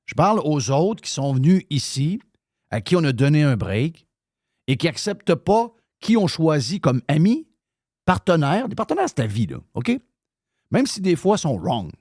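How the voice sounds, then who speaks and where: A man's voice: a little high, big pitch swings, moderate pace, darkish tone, no room sound, clean studio sound. A man with a Québécois accent, hosting live radio talk in a heated, ranting way, swearing freely. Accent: Québécois French. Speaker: radio show host.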